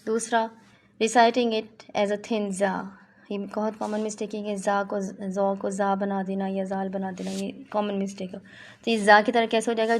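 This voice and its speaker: Woman teaching recitation sounds, flat delivery. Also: mid-range voice, slight background noise. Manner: patient, demonstrates each sound slowly, then explains; mixes in English phrases. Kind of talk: online lesson on letter pronunciation.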